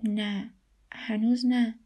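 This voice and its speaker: A woman voicing a simple-hearted young mother who dotes on her little son, with bright, eager replies. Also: medium pitch, gravelly, breathy edge. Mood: cheerful.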